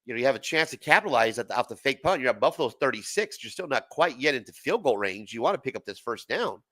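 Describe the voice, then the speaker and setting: A man in his forties, stuffed up with a cold, streams loose, profane play-by-play for a sports watch party, chatting away and laughing at his own jokes. His medium-pitched voice swings widely and moves fast, with a bright, forceful tone on a dry recording.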